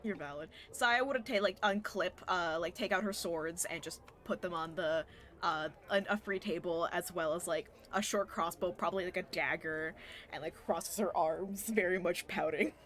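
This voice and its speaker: A woman's voice: on the low side, moderate pace, a bit bright. Chatty woman playing a tabletop game. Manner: chatty, filler-heavy, describes her character's actions. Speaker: player. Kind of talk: casual tabletop play.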